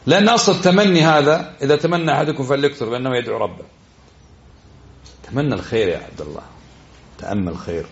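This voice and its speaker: Fast-talking gravelly teacher. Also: male voice, mid-range voice, expressive, muffled recording. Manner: exhorting, questions the listeners. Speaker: religious teacher. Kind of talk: religious lesson.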